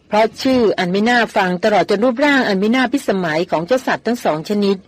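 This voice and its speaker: A woman reads a novel aloud in an even, storytelling manner. Her pitch is middling for a woman, and the recording is dry and close with no room sound. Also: fast, no room sound. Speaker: audiobook narrator.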